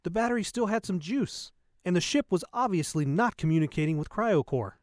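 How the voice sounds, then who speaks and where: A man's voice: sits high, animated, brisk, no echo, clean studio sound. A man playing a dismissive, money-minded spaceship salvage worker in a science fiction audio drama, practical and sarcastic. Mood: matter-of-fact.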